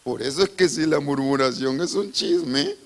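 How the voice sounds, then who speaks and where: A man's voice: a little high, wildly swooping pitch, moderate pace, creaky. A male pastor, preaching a dramatic storytelling sermon and calling his listeners brother.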